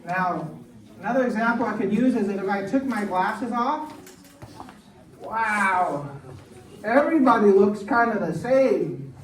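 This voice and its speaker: Priest teaching kids, slow halting delivery, distant mic in an echoey hall with children. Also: male voice, sits high, expressive, slight background noise. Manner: slow, halting, with many fillers and restarts. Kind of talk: Lenten lesson for children. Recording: roomy hall, crowd behind, far off.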